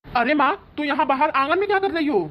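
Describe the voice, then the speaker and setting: A woman's voice: sits high, fast, dull audio, close to an everyday voice. A woman voicing a caring younger son in a cartoon family drama, earnest and concerned for his mother.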